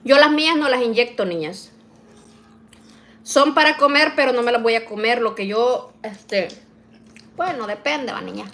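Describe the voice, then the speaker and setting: Middle-aged woman, home kitchen vlogger, chatty and folksy, slightly high voice. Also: normal speed, pauses often, a bit bright. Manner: chatty, addresses viewers as "niñas", frequent "¿verdad?" tags. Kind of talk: casual chat while cooking.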